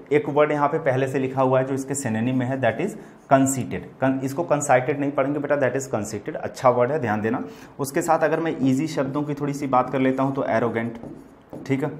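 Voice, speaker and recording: A man with an Indian accent gives an online exam-prep vocabulary lesson, patiently explaining word meanings. He speaks at a medium pitch, calls his students children and spells words out letter by letter.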